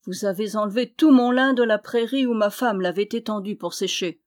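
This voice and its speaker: A small, humble tailor speaks earnestly and politely, as a woman reading a folk tale aloud puts him on. He is brave despite his size and full of courteous thanks, in a voice of middling pitch. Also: moderate pace, lightly acted.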